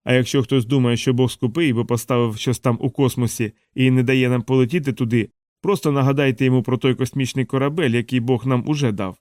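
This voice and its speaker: A man's voice: medium pitch, fairly even intonation, fast, hardly any pauses, darkish tone, no echo, natural voice. A man voicing a folksy revivalist preacher who addresses a crowd with rhetorical questions in a dry, close audiobook recording. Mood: preaching.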